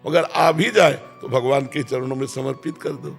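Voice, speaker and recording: A man, calmly answering devotional questions as a spiritual teacher and repeating key phrases. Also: medium pitch, vocal fry, faint music behind. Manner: calm, repeats key phrases, chants verses slowly.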